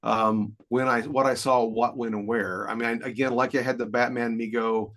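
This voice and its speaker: A man in his fifties co-hosts a podcast in relaxed conversation. He wanders through explanations, often chuckling as he goes. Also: medium pitch, normal speed. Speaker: podcast co-host. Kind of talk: casual chat.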